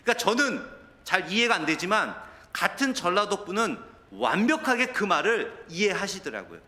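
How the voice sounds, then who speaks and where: A male pastor preaching a sermon in a lively, storytelling manner. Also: high voice, normal speed. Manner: animated preaching, mixes in anecdotes and quoted dialogue. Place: church sanctuary. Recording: long church hall reverb.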